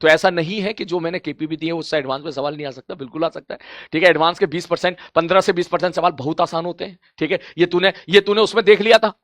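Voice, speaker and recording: A man's voice: fairly high pitch, fast, hardly any pauses, no room sound, studio quality. A male physics teacher giving a live online coaching lecture. He talks straight to his students, keeps checking "okay?", and scolds them playfully.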